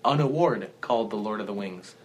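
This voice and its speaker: A man with a Buffalo, New York accent, co-hosting a podcast in casual chat with joking, deadpan asides. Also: fairly low pitch, brisk. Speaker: podcast co-host.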